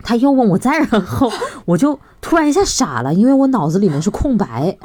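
A woman co-hosting a podcast in casual chat, telling stories with lively feeling. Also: a little high, brisk. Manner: lively storyteller, retells scenes with feeling. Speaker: podcast co-host.

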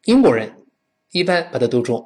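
Man, english pronunciation teacher, very lively intonation, slow demonstrations for learners to repeat. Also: a little high. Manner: animated, modelling words slowly and having listeners repeat.

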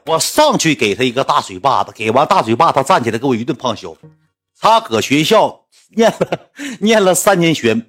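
A young man tells a laid-back story about his time at school in a Northeastern Chinese accent. Once he gets excited, he turns animated and his voice pitches upward.

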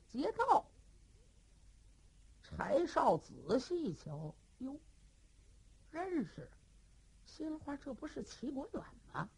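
A storyteller narrating a classic historical tale in a colloquial, animated way. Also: sits high, slow pace, vocal fry, pauses often. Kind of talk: traditional storytelling.

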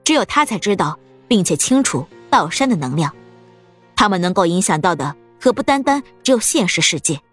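A woman narrating an audiobook story in a steady, expressive storytelling manner. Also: lowish voice, fairly quick, slightly rough, faint music behind.

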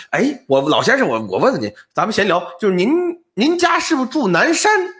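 A man's voice: high voice, sing-song, normal speed, a bit bright. A man voicing a timid, easily frightened scholar who stammers and repeats fillers. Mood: flustered.

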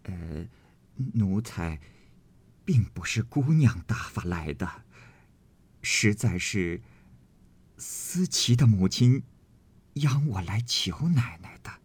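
A man voicing a humble servant messenger who begs a favor in a hushed, deferential way. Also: on the low side, lively intonation, slow, long pauses, breathy edge, exaggerated voice. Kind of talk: storytelling reading of a classic novel.

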